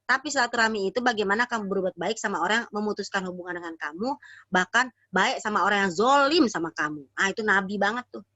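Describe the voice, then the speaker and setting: A woman's voice: medium pitch, fast, bright, forceful tone, no echo. A woman preacher with a Jakarta Betawi accent gives a casual, slangy religious talk over a video call, acting out quoted prayers. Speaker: female preacher. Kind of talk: virtual religious study talk. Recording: dry, dull lo-fi online call audio.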